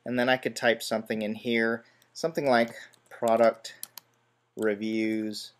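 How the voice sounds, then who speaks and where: A man explaining software steps one by one in a relaxed screen-recorded tutorial, with small self-deprecating asides. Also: mid-range voice, measured pace. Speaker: tutorial host.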